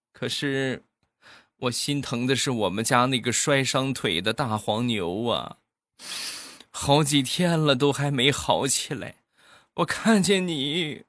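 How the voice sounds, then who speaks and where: A man's voice: medium pitch, fairly bright tone, no room sound, studio quality, voice pushed up. A man putting on a tearful old auntie. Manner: lamenting, drawn-out. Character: tearful elderly woman grieving her ox.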